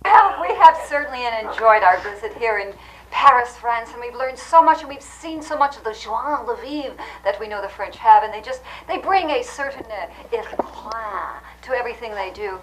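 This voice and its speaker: A woman hosting a comedy cooking segment, explaining absurd claims in an earnest, deadpan way. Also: on the high side, normal speed, noisy background. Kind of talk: deadpan mock cooking demonstration.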